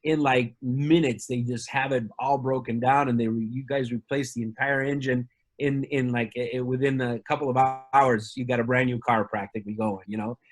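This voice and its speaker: A man's voice: mid-range voice, fairly even intonation, moderate pace. A man from Argentina, a company representative, talking casually in an interview with many fillers and restarts.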